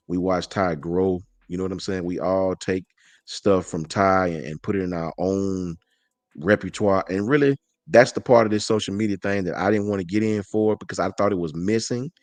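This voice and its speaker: A man with a very low voice rambles in easygoing, slangy talk as a live-stream guest. He stumbles and repeats himself often. The sound is close and dry. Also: dry recording. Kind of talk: casual chat.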